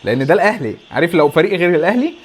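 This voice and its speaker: Fast, high-voiced Egyptian man reacting. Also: sing-song, husky. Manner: rapid, exasperated running reaction with repeated urgings. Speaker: football fan reacting to a match. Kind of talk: live match reaction.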